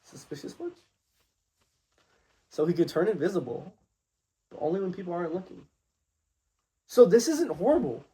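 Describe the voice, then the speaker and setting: Young guy cohosting a goofy podcast, teasing, a bit high but mellow dark tone. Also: very animated, a little fast, long pauses. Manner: teasing, pitches silly superhero ideas. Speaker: podcast co-host. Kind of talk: casual comedic chat.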